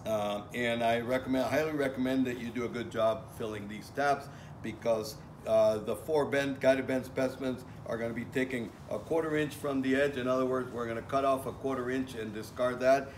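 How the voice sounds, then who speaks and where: A man's voice: mid-range voice, steady tone, normal speed. Middle-aged guy teaching welding outside, plainspoken with lots of uh's, sounds far off and echoey, bit of noise. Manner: plainspoken, many fillers and restarts, salty asides. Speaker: welding instructor. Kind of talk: casual outdoor lecture. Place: outdoor welding yard. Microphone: far camera. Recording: echoey, from a distance, faint ambient noise.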